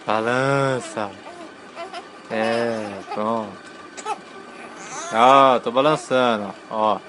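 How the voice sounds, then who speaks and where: A young man, gently coaxing and teasing his crying baby in a casual home video. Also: mid-range voice, takes it slowly, background noise.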